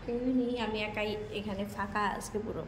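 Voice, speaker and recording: A woman's voice: medium pitch, steady tone, a little fast, background noise. A young woman chatting casually to her viewers in a home vlog, filming on her phone. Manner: chatty, coaxing and soothing with her child. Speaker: vlogger and mother.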